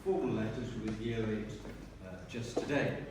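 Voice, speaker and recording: A man's voice: lowish voice, normal speed. Older man giving a speech in an echoey hall. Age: 60s. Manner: warm, rambling, clears his throat often. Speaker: retiring teacher. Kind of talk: retirement speech at a dinner. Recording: echoey hall from far off, noisy.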